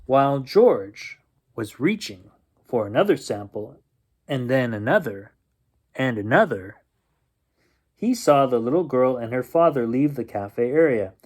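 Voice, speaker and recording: A man reads a children's picture book aloud as a bedtime storyteller, expressive and drawing out the suspense. His mid-range voice has a sing-song lilt and a darkish tone.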